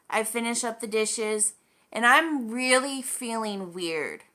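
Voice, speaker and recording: A woman's voice: fairly high pitch, pushed and bright. A woman vlogger telling a story in a casual, chatty way, full of "like" and acted-out quoted dialogue.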